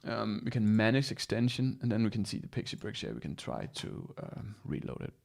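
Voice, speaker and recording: Casual tutorial host, man, gravelly, hesitant with fillers. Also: on the low side, sing-song, a little mellow. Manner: casual, halting with many fillers. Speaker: host of live software tutorial. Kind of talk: live screen-share walkthrough. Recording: voice sounds robotic and echoey at times.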